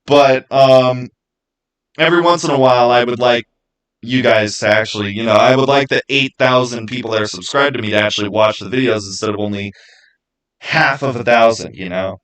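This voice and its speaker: Speaking a little fast, this man has a medium-pitched, fairly bright, smooth voice, captured on a low-quality recording. He's a YouTube creator hosting a livestream from a small indoor home studio, chatting loosely with viewers and repeating words to stress them.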